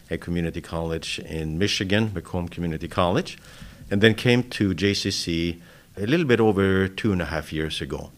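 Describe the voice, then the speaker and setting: A man with a very deep voice answers interview questions. He explains things in a steady, measured way. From Norway. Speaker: college vice president, interview guest.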